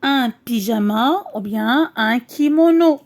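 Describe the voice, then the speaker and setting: A young woman with a Moroccan accent teaches a lesson for young children. She speaks slowly and clearly and says each word and syllable more than once. Her voice is fairly high and warm. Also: lively intonation. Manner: slow, clear, repeats words and syllables. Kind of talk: French lesson for young pupils, explained in Arabic.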